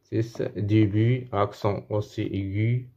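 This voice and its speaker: Slow Moroccan teacher, lo-fi sound. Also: male voice, lowish voice, fairly even intonation, dark tone. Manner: slow, repeats words and restarts while explaining. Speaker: primary school French teacher. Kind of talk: classroom lesson explaining spelling.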